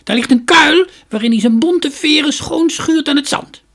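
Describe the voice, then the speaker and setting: A man voicing a crooked, cackling old woman from a children's story, with a creaky voice and a sly, drawn-out way of speaking. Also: very high voice, fairly bright tone, pitched above the performer's own voice, heavily acted.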